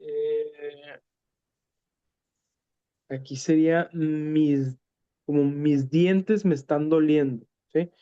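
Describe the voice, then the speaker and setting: A man walks through an English lesson in Spanish, speaking slowly and patiently, repeating and translating each word. His voice is soft and mellow, full of hesitations and small corrections. The recording sounds dull and lo-fi. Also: on the high side, fairly even intonation, clean tone. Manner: many hesitations and self-corrections. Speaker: English teacher.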